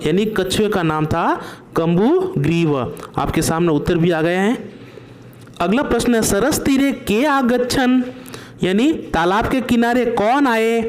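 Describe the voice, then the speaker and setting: Slow, high-voiced male teacher. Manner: slow, repeats answers as questions to the class. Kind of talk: online class lesson.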